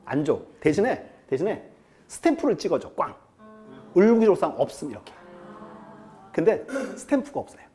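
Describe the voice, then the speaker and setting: A man's voice: fairly high pitch, very animated, moderate pace, pauses often, mellow, soft background music. A male lecturer teaching a class in a chatty way, quizzing students and acting out quotes. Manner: chatty, asks the class questions and acts out quotes. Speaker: real estate law lecturer.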